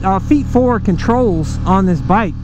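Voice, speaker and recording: A man vlogging while riding a motorcycle, chatting excitedly and casually to viewers from his helmet mic. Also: high-pitched, unhurried. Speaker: motovlogger. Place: riding a motorcycle outdoors on city streets. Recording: helmet mic with road and engine noise. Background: engine and wind noise.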